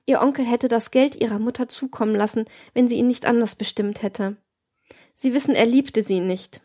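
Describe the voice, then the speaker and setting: A pious young servant speaks earnestly and with deference to her masters, as a woman reads her lines. Her voice is fairly high and clear in audiobook delivery. She sounds careful and sincere. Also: normal speed, dark tone, lightly acted. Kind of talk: audiobook reading.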